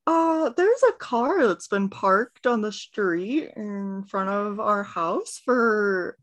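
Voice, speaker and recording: A woman voicing a young woman who fakes a polite grown-up caller, loud, high and stiffly polite. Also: animated, slow pace.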